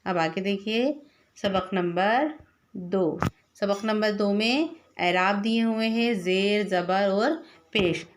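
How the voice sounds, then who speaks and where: A woman's voice: medium pitch, slow pace, a little hiss or hum. A woman teacher patiently spelling out letters one by one for young children and quizzing them as she goes. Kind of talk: slow classroom lesson.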